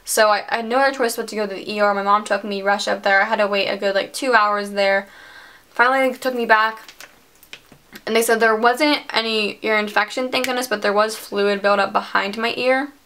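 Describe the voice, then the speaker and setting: A teenage vlogger tells a personal story in a chatty, casual way, packing her sentences with "like." Her voice is medium-pitched and a bit bright, with fairly even intonation and a fairly quick delivery.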